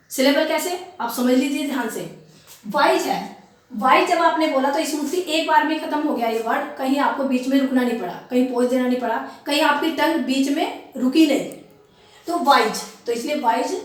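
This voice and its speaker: Woman teacher, high voice, slow patient explaining, repeats examples, very echoey room, mic set back. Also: distant mic. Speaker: English teacher. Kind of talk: classroom grammar lesson.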